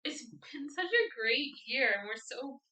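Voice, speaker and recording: Bright-voiced teasing woman streamer. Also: sits high, expressive, a little slow, reverberant, rough recording. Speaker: streamer co-host. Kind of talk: casual livestream chat.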